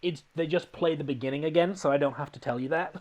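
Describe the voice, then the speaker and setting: A man's voice: fairly high pitch, fast, a little mellow. A man hosting a podcast, rambling and laughing as he recaps a film in casual comedic chat. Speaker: podcast host.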